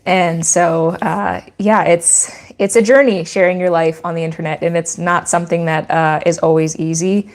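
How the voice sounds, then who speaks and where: Talking at a moderate pace with hardly any pauses, a Canadian-accented woman keeps a fairly low pitch and fairly even intonation. The goat farmer and channel host chats casually in a livestream Q&A about her goat farm, rambling, teacherly, and frequently restarting her sentences.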